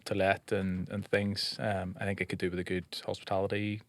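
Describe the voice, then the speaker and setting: A man in his thirties with a Northern Irish accent, hosting a podcast with quick, encouraging interjections. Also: low voice, completely flat delivery, no echo. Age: 30s. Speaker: podcast host. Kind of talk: casual chat. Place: podcast studio.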